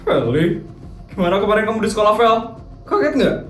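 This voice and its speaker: A woman's voice: mid-range voice, sing-song, fairly quick, roomy sound, soft background music, natural voice. A woman voicing a nosy, teasing schoolgirl sidekick in a cartoon. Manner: teasing, chatty.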